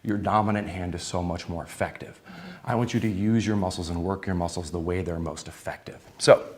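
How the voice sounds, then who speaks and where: A man's voice: low voice, steady tone, a little fast, a little mellow, breathy edge. A man giving a live exercise demonstration as an instructor, explaining in an informal, conversational way to participants. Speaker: fitness instructor. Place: indoor aerobics room with exercise bikes. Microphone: worn clip-on or headset mic.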